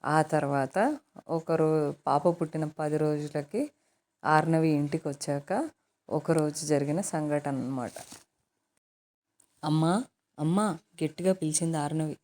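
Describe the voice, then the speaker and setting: Low-voiced woman telling a story. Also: little pitch movement, normal speed, a little mellow. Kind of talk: storytelling narration.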